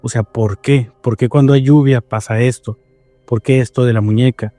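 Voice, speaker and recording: A man with a Mexican accent telling paranormal stories in a casual podcast chat, animated and rambling with many restarts. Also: mid-range voice, normal speed, dry recording, faint music behind.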